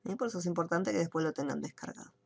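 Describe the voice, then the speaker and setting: Lady walking students through a database tutorial, bit of vocal fry, step by step. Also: on the low side, lively intonation, racing. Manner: explains step by step, checks in with students. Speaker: computer course teacher. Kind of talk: screen-share software tutorial.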